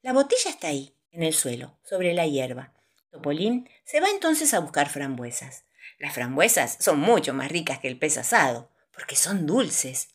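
Lady reading a kids story out loud, singsong and playful, pitch all over the place. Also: very animated, normal speed, husky. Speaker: storybook narrator. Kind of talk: children's story reading with character voices.

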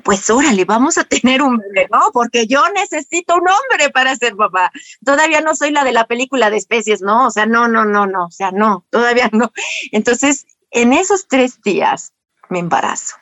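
A middle-aged woman with a Mexican accent, telling a personal story in a lively, conversational way, often asking the audience rhetorical questions. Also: a little high, normal speed, no room sound. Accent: Mexican Spanish. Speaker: speaker sharing personal story. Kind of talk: conversational talk.

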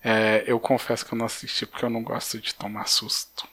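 A man in a relaxed podcast chat, talking casually with co-hosts. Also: medium pitch, fast.

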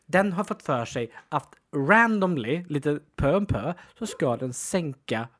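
A man co-hosting a podcast at home, chatting casually, animated and defensive, laughing often. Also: a little high. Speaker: podcast co-host. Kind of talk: casual chat. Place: at home, dog in the room.

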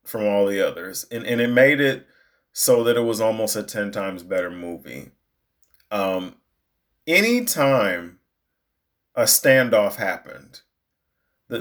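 Animated, rambling man telling a story. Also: mid-range voice. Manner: animated, rambling, with frequent restarts and asides. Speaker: storyteller recounting a movie outing. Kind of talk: casual personal storytelling.

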